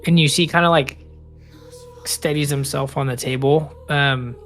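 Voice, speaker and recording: A man's voice: a little high, steady tone, unhurried, fairly bright tone, soft background music. A man describing his character loosely, with hesitations, in a tabletop game. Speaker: player.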